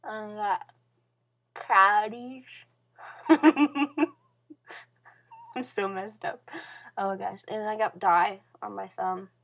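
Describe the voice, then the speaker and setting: A woman's voice: mid-range voice, steady tone, slow, creaky. Rambling young woman on a webcam. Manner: rambling, many fillers and restarts, drifting between soft mumbles and louder bursts. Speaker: vlogger. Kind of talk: casual rambling webcam vlog. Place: her bedroom at a computer.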